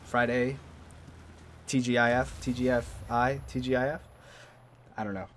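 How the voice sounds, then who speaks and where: Young man, New York accent, gaming video host, rambling casual chat, addresses viewers, average pitch. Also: flat delivery, moderate pace, slight background noise. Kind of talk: casual commentary over gameplay.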